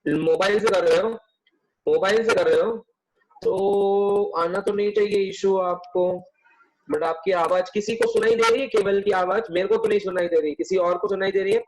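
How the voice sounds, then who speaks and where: Online tutor, young man, high voice, chatty and teasing. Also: moderate pace, darkish tone, poor audio. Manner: chatty, teasing, coaxing students. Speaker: commerce tutor. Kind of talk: live online class.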